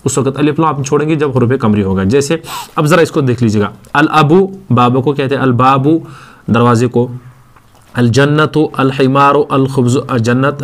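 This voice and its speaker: In a classroom lecture, a man with a medium-pitched voice teaches Arabic. He explains step by step and slowly repeats words and letters for his students.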